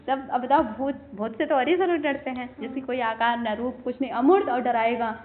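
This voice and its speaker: A woman teaching Sanskrit, telling the story in an animated way and acting out what the characters say. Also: a little high, a little fast. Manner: animated storytelling, acts out quoted speech. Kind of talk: storytelling lesson explaining verses. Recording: phone-like line with faint hiss.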